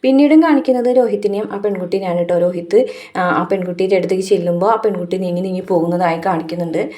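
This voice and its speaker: A woman's voice: lowish voice, rapid-fire, mellow. A woman casually retelling the events of a TV serial episode and often adding a tag word for the listener. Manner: ends many phrases with a tag word for the listener. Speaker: serial review narrator.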